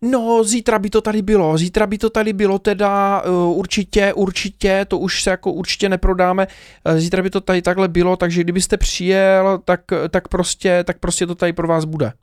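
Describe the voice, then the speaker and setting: A man's voice: sits high, level tone, smooth, no echo, studio quality, voice pushed up, lightly acted. A man voicing a young female shop assistant who stammers and repeats herself. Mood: placating.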